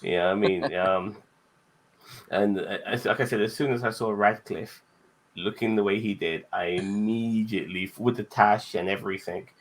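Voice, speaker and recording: Give me an enthusiastic host in casual chat, a man with a fairly low voice. He laughs easily and stumbles through restarts when excited. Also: moderate pace.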